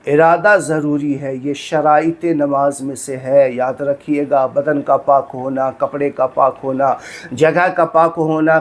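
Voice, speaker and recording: A man teaches as a religious instructor. He talks earnestly, repeating each point and asking whether his listeners have understood. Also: high-pitched. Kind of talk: instructional talk on prayer.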